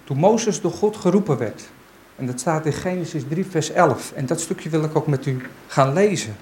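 A man speaking at a church gathering, giving an informal Bible talk and reading aloud. His delivery is halting and unsure, as he searches for his words. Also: on the high side, animated, a little mellow, a little hiss or hum, low-quality recording.

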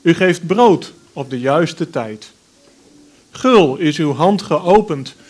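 A man reads scripture and leads a prayer, in a slightly higher than usual voice. His delivery is measured and earnest, with deliberate pauses between phrases. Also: lively intonation. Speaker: preacher.

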